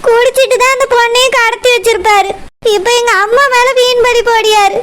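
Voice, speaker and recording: A woman's voice: very high-pitched, steady tone, fairly quick, pushed and bright. A woman voicing a tearful young wife in a cartoon, with a Kanyakumari Tamil accent, crying and pleading. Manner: crying and pleading, defending her mother. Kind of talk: cartoon voice acting.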